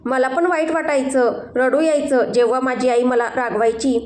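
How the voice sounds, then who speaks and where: A woman's voice: high voice, steady tone, normal speed, natural voice. A woman voicing an innocent, loving young wife. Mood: coaxing. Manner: gentle, coaxing, simple. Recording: roomy echo.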